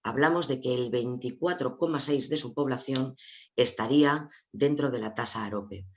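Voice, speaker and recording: A man with an Asturian Spanish accent walks his viewers through charts in an online seminar, calm and explanatory. His voice sits at an ordinary middle pitch. The call audio comes through dull and lo-fi. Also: moderate pace, a little hiss or hum. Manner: explanatory, addresses viewers directly, sharing slides. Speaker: webinar presenter.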